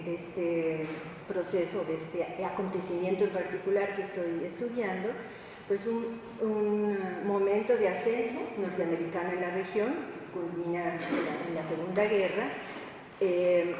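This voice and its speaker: A woman with a Mexican Spanish accent gives a semi-improvised academic panel talk, halting and reflective, pausing to search for words. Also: lowish voice, dark tone. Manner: halting and reflective, with searching pauses and tag questions. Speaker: academic researcher presenting at a panel. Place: indoor conference room or hall. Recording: echoey hall, distant mic, faint noise.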